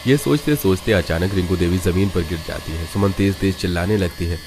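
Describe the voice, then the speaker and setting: Low-voiced male storyteller. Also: brisk, background noise. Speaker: narrator. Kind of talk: scripted narration.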